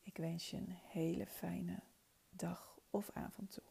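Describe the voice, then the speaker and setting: A woman leading a guided meditation in a soft, soothing, spa-like whisper, gentle and breathy. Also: on the low side, little pitch movement, takes it slowly.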